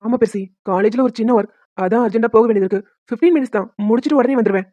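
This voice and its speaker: A woman voicing a young caring father who talks quickly and earnestly and soothes his baby. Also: fairly high pitch, warm tone, no echo, dull audio, natural voice. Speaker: cartoon voice actor. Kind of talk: homemade cartoon dubbing.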